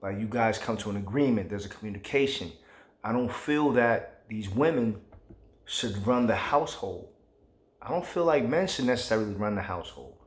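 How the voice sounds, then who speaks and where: A man's voice: lowish voice, lively intonation, moderate pace, roomy sound. A man vlogging, giving his opinions in a casual, emphatic, rambling way with plenty of slang.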